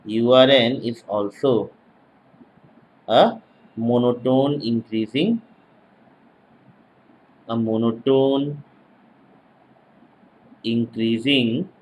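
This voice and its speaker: Male maths tutor, exam-prep lecture; very slow and repetitive, keeps asking whether students follow. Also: mid-range voice, slight background noise, rough recording. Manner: repeats each phrase slowly as if dictating, checks in with tag questions. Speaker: mathematics teacher.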